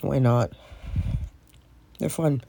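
A man with a stoned, stoner way of talking hosts a loose solo show. He rambles casually in an everyday mid-pitched voice and swears freely as he goes. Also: steady tone, extremely slow, creaky, warm tone, slight background noise. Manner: frequent swearing. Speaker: podcast host.

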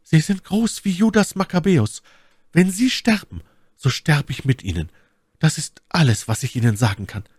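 A man putting on a high, scheming noble lady. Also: expressive, normal speed, darkish tone, slightly rough, no echo, studio quality. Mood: passionate. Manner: high, pleading and intense. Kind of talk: audiobook reading.

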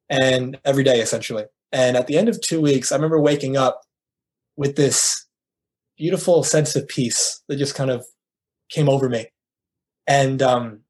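A man's voice: mid-range voice, a little mellow. A middle-aged man speaking as a life coach guest in an interview, earnest and emphatic, acting out little dialogues as he makes his points. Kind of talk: conversational interview, motivational.

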